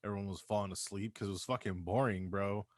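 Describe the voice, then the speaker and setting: A man's voice: fairly low pitch, fairly even intonation, fast talker, dry recording. A man co-hosting a casual podcast from home, laid-back, swearing and laughing often. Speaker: podcast co-host. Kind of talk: casual chat. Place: California home.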